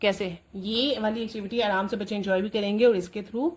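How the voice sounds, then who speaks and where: A woman teaching parents a writing activity for children. She keeps asking a quick "okay?" and says sample words slowly and firmly, repeating them. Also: medium pitch, steady tone. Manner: checks in often with a rising question. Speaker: homeschooling mom teaching Urdu writing. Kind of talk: instructional tutorial addressing parents.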